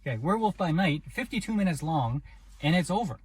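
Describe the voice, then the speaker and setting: A man's voice: fairly high pitch, big pitch swings, fast, a little mellow, slightly rough. A man co-hosting a casual movie review chat, telling the story in a loose, rambling way. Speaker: podcast co-host.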